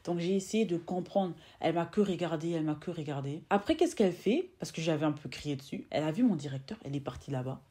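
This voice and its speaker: Talking fast with few pauses, a deep-voiced woman in her twenties recounts a personal story to camera in a casual vlog storytime. She's animated, performing the conversations she describes, and frequently restarts or repeats phrases.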